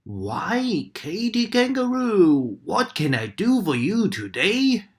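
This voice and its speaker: A kindly storybook mother crocodile, as a woman reading aloud voices her, raised a little above the narrator's low voice. She speaks slowly and plainly, as if the answer were obvious. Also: very animated. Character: kindly, surprised mother crocodile, female adult.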